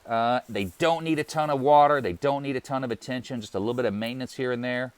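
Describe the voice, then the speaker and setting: A man's voice: medium pitch, fast, smooth, dry recording. A man hosting a gardening channel, walking through his outdoor deck plants in an easygoing, plainspoken way with casual fillers. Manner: relaxed, friendly, plainspoken with fillers. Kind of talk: casual garden tour walkthrough.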